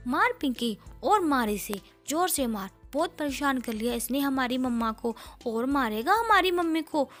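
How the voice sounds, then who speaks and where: A woman's voice: high voice, lively intonation, normal speed, a bit bright, soft background music. A woman voicing a protective young sparrow boy who stands up for his mother. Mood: furious. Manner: fierce, commanding.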